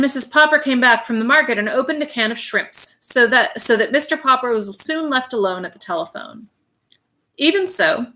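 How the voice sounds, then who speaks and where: Bright-voiced woman reading a storybook. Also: on the high side. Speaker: reader.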